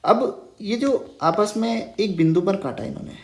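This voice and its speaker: A man's voice: high voice, measured pace. Roomy-sounding male teacher, patient. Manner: checks in with "ठीक है" after nearly every phrase; patient, repeats key terms as questions. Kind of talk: Hindi math lesson over a whiteboard. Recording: roomy echo.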